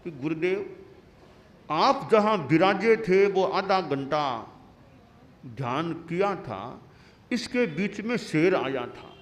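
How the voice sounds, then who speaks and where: A man voicing a young male disciple in a sermon story, speaking in an excited, pleading way. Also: on the high side, slow pace. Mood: amused. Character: young male disciple, fearful then amused.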